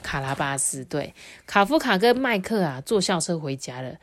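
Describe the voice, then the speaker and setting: A woman, reading a storybook aloud to her child in an animated, sing-song way. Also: low-pitched, moderate pace.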